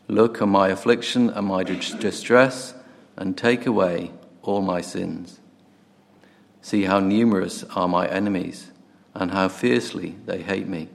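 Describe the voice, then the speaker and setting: A man with a low, gravelly voice reads a psalm aloud at a measured pace. He stumbles and restarts now and then. A long hall reverb hangs behind him. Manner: measured reading with small slips and restarts. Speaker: scripture reader. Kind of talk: reading scripture aloud.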